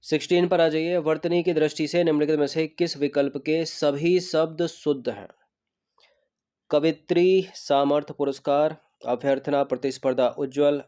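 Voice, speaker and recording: A man leads an exam preparation class in a relaxed, mellow voice, taking each test question in turn. He repeats the right answers slowly and deliberately so they stick, and often asks the class to supply the answer. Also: a little high. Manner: repeats each correct word slowly to drill it; checks in with students and asks them questions. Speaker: exam coaching teacher. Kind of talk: explaining a Hindi spelling test.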